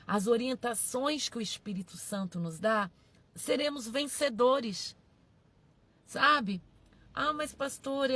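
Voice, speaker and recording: A woman's voice: a little high, a bit bright. A woman pastor, preaching a sermon emphatically, repeating her phrases and calling out to her listeners.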